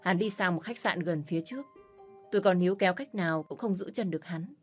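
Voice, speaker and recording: A woman's voice: fairly low pitch, fast talker. Woman narrating a tense first-person story. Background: faint music.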